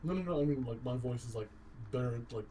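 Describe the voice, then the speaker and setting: Fairly quick and dark-toned, a man with a low baritone voice trades casual banter on an online voice call while livestreaming a game, cursing and repeating phrases a lot. Clear background noise comes through the voice chat.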